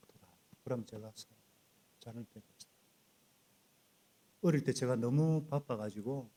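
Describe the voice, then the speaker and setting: A middle-aged male pastor preaching a sermon in a church, animated and prompting the congregation to repeat after him. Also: medium pitch. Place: church sanctuary.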